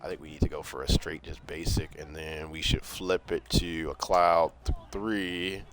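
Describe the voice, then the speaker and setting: A man streaming a football video game live, cursing and reacting excitedly to the plays as he talks through them to himself. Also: a bass voice, normal speed, a little hiss or hum. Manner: profane, excitable, talks to himself while playing. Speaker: gaming streamer. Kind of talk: live gameplay commentary.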